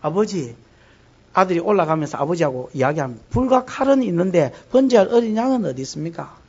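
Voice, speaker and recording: A man's voice: sits high, expressive, a little fast, a little mellow, husky, lo-fi sound. A man with a Gyeongsang accent preaching a sermon as pastor, dramatic, acting out the voices of the people in his stories. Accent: Gyeongsang Korean.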